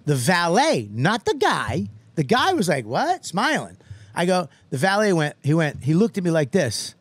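A man hosts a comedy podcast, spinning a profane story and playing every person in it. His voice sits high and swings widely. The sound is close and dry, with no room around it. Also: moderate pace, no echo. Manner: animated, profane, acts out other people's lines. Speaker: podcast host.

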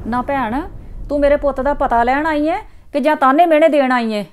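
An actress playing a middle-aged mother, defensive and quick to scold. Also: high-pitched, steady tone, noisy background, close to an everyday voice.

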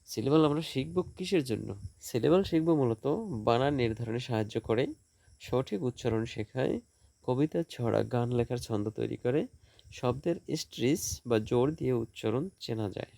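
A male teacher giving a school lesson, sounding out example words slowly, with a Bangladeshi Bengali accent. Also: mid-range voice, expressive, gravelly, dark tone, no room sound. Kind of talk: classroom lesson for school students.

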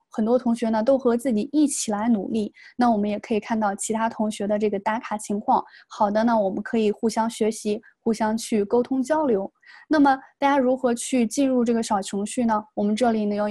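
Mellow-voiced woman tutoring English pronunciation. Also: on the high side, no echo. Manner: patient, explanatory, models English words slowly. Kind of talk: online exam-prep lesson.

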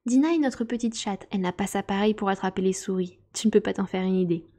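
A woman's voice: medium pitch, quick pace, mellow, lightly acted. A woman voicing a polite, eager young girl in a storybook reading, earnest and apologetic.

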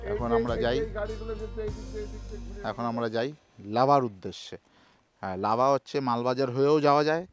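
A man, narrating a travel vlog in a chatty, excited way as he drives through hill villages. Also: mid-range voice, normal speed, long pauses, no room sound, soft background music. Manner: chatty, excited about scenery. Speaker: travel vlogger. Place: outdoors on a road trip, in and around a car. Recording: noisy outdoor recording with traffic.

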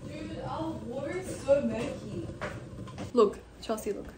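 A woman's voice: high-pitched, measured pace, background noise. A young woman vlogging casually about her day with a friend, playful and laughing often. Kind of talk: casual chat. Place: gym, grocery store and apartment.

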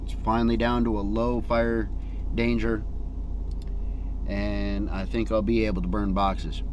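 A man's voice: lowish voice, flat delivery, unhurried. A man around his forties chatting casually and unhurriedly to the camera in a folksy way while driving. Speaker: vlogger. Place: inside a car, often moving. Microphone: camera or phone at arm's length on the dashboard. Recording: loud car and road noise.

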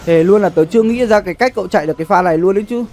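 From an indoor streaming setup, a young man with a high-pitched, dark-toned voice talks very fast while chatting on his gaming livestream over faint music. His casual game commentary is sweary and slangy, with phrases repeated often.

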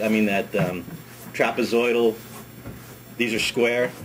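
A middle-aged American ski school director with a fairly low voice leads a small group through a hands-on demonstration, chatting in a relaxed way and often repeating words as he works. A camera mic on a workbench records him in a wood-paneled workshop, with a steady hiss underneath.

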